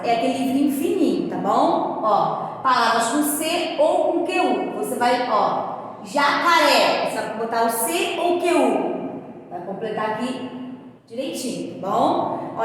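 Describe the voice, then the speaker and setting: A Brazilian woman teacher walking children through workbook exercises, checking in often and pointing things out patiently. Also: high voice. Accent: Brazilian Portuguese. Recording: echoey room with strong reverb, faint ambience.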